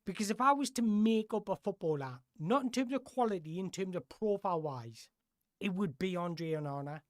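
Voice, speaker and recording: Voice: mid-range voice, lively intonation, moderate pace, no echo, studio quality. A live-stream football host chatting casually through viewer questions, rambling and correcting themself as they go.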